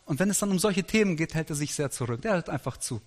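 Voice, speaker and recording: Middle-aged male pastor, slightly high voice, storytelling sermon, long hall reverb. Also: quick pace. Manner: lively anecdotal preaching with quoted dialogue.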